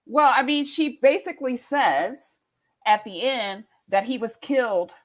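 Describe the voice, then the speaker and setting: A woman with a slightly higher voice chats playfully on a podcast panel, teasing the others. Her delivery is loose and casual. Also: lively intonation, unhurried. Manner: playful, teasing, says y'all.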